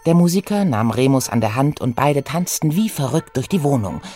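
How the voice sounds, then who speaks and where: A woman narrating a children's detective radio play in a lively, expressive storytelling manner. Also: extremely low pitch, brisk, slightly rough, soft background music.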